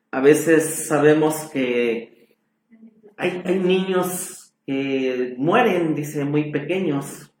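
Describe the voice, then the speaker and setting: A man preaching a sermon as pastor, reading scripture in long drawn-out phrases and adding frequent amens. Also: medium pitch. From Mexico. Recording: echoey room sound.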